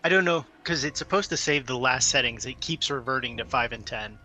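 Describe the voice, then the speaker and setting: A man's voice: mid-range voice, a little fast, pushed and bright. A man acting as game master, casually narrating a tabletop game and explaining it to players.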